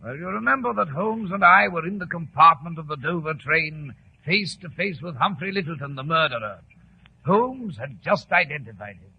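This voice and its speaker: Husky, high-voiced genial English doctor. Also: male voice, animated, moderate pace, full character voice. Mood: genial, storytelling. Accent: British. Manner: hesitant, fussy, affable. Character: genial, flustered English doctor, loyal sidekick to detective. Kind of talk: 1940s radio drama acting and narration. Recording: muffled, lo-fi 1940s radio recording.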